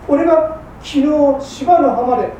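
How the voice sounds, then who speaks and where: A woman voicing a gruff old-Edo fishmonger. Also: high-pitched, takes it slowly, dark tone, voice pushed up. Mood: indignant. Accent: old Edo Tokyo working-class. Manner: gruff, clipped, rough-spoken. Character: hard-drinking male fishmonger, rough, boastful, then repentant. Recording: roomy hall from far off, faint hum.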